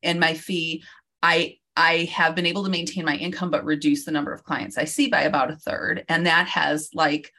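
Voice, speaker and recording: A woman with a low-pitched voice speaks as a guest on a coaching podcast. She talks slowly through her thoughts, pausing often with fillers as she reflects on her work as a therapist. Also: flat delivery, sharp tone. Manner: reflective, hesitant, many fillers. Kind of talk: casual podcast conversation.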